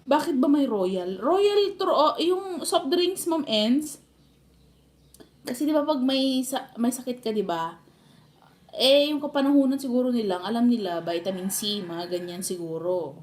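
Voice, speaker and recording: A woman's voice: fairly high pitch, animated, measured pace, a little mellow. A woman with a Filipino accent chatting and telling family stories to her live stream viewers, laughing often. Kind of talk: casual live stream chat.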